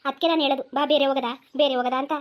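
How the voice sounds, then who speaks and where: A woman's voice: high voice, fairly even intonation, very fast, muffled recording, lightly acted. A woman voicing a nagging, scheming village mother-in-law in a cartoon, with a rural Mysore-region accent and an insistent, repetitive way of talking. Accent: rural Mysore-region Kannada.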